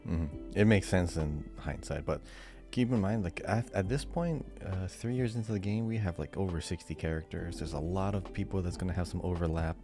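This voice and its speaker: Here a low-pitched man talks briskly, barely pausing at all. As podcast co-host and quizmaster, he keeps the conversation casual, with faint background music in the recording.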